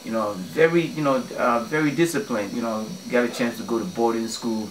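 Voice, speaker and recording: A man from Ghana, a guest on a radio show, telling stories in a relaxed way with many fillers and restarts. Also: medium pitch, fairly quick, echoey room, distant mic, background noise. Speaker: guest, community organizer. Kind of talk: casual radio interview. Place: radio studio.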